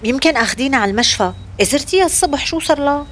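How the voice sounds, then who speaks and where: A woman's voice: sits high, lively intonation, rapid-fire, slight background noise. A woman playing a worried, caring grown daughter looking after her mother. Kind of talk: domestic drama acting.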